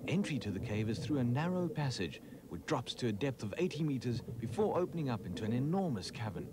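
A man giving scripted documentary narration in a measured, informative way. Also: mid-range voice, big pitch swings, noisy background. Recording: voice-over with music behind. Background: music.

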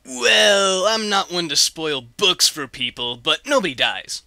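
A smug cartoon sidekick voiced by a man, fairly high and very sharp in tone. He teases like a self-satisfied know-it-all, recorded dry and close. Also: expressive, measured pace, gravelly, no echo, full character voice. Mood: smug, teasing.

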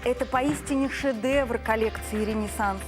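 A woman presenting a gushing infomercial sales pitch as a TV shopping host, lingering on descriptive words for emphasis. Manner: gushing, drawn-out emphasis on sensual adjectives. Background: background music.

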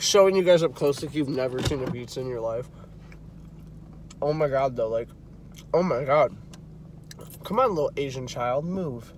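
A young adult man with a mid-range voice vlogs his day casually while sick with a congested head cold. He rambles, exclaims and swears freely, talking at times from a car with noisy background and later at home.

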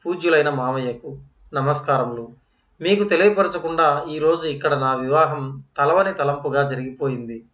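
A man's voice: fairly high pitch, a bit bright, recorded from a distance, natural voice. A man voicing a polite, earnest young student who speaks respectfully and with restraint, on a roomy, dull lo-fi recording.

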